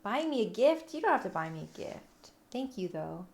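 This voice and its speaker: A woman livestreamer chatting casually with viewers in a playful, cutesy, giggly and animated way. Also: medium pitch, moderate pace, gravelly. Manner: animated, expressive delivery. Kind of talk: casual live chat. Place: room at home.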